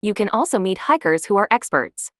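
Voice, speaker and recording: A woman giving calm, measured, scripted travel narration as a vlogger on a winter hike. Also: medium pitch, no room sound, studio quality.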